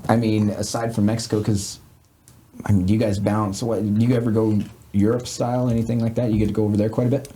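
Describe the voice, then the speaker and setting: A man's voice: lowish voice, level tone, fast, warm tone, slight background noise. A man hosting a podcast, chatting casually and cracking jokes. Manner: joking, wisecracking. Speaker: podcast host. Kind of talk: casual chat.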